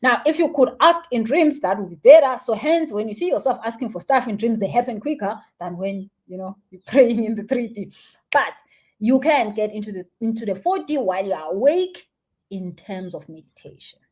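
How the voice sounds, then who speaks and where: Woman, South African accent, young adult, spiritual live-stream talk, fairly high voice, animated, soft near-whispers. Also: normal speed, slightly rough. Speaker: spiritual teacher answering viewer comments.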